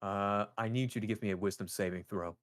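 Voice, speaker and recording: A man's voice: fairly low pitch, steady tone, brisk, fairly bright tone, no echo. Male game master, close dry sound. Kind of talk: narrating a tabletop fantasy game, conversational.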